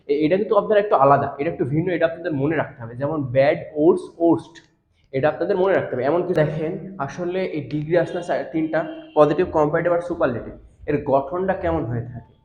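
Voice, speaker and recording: A man's voice: on the high side, a little mellow. A young man with a Bangladeshi Bengali accent teaching a grammar lesson at a board, explaining step by step and asking his students rhetorical questions. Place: classroom with a board. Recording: echoey, dull classroom recording.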